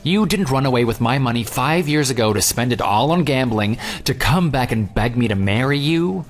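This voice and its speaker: In an audio drama, a man plays a jilted ex-fiancé who narrates his own story in the first person and also speaks dialogue as the lead character. His medium-pitched voice is expressive and lightly acted at a moderate pace, with a dry, dismissive mood that is sarcastic, unyielding and self-assured. Light background music runs underneath.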